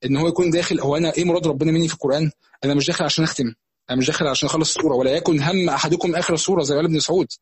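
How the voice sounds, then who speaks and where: Husky Egyptian male preacher, rapid conversational teaching, dry close sound, slightly high voice. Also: steady tone, no echo. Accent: Egyptian Arabic. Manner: fast, conversational teaching with many restarts and repetitions. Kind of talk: religious lesson.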